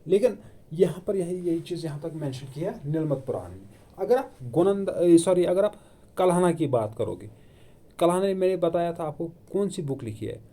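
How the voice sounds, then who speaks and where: A man's voice: a little high, lively intonation, normal speed, mellow. A man giving an exam-prep history lecture in Hindi mixed with English terms, asking questions and answering them himself. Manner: asks and answers his own questions, repeats key terms. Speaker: exam coaching teacher. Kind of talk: classroom lecture. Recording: online video lecture.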